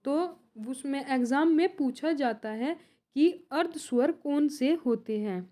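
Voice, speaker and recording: High-voiced young woman doing an exam prep lesson, slow and mellow, repeats each point as a question. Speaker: teacher.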